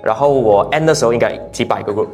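A man's voice: medium pitch, quick pace, darkish tone, faint music behind. A young man from Malaysia with a Malaysian Mandarin accent, chatting casually as an interview guest and sprinkling English words into his speech. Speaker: brand founder, guest.

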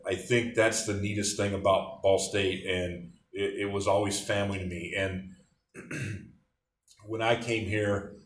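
Middle-aged man, low voice, rambling storyteller, recorded in a roomy space. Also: flat delivery, a little slow, recorded from a distance. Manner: rambling, warm storyteller with many restarts. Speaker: interviewee, former athletic trainer. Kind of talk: casual reminiscing. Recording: roomy echo.

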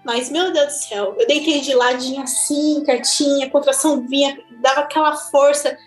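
A woman with a Brazilian Portuguese accent, chatting casually as she tells her own birth story, animated and quick to laugh. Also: high-pitched. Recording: echoey room with faint music.

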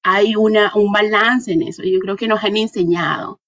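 In an interview, a dancer and artist from Caracas answers reflectively in a Venezuelan accent, searching thoughtfully for words and checking in with little tag questions. Her medium-pitched voice is a bit bright, with fairly even intonation and normal speed, though the recording is muffled.

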